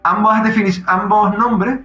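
A man casually explaining how his software works, thinking aloud with frequent restarts. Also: high-pitched, steady tone, measured pace, roomy sound. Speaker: software developer guest.

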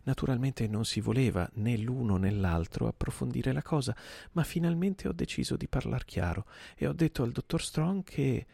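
A man's voice: medium pitch, moderate pace, vocal fry, dark tone, breathy edge, no room sound, voice pushed up. A man voicing a fawning, hypocritical male clerk who speaks with insolent, oily humility. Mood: insinuating. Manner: oily, falsely humble.

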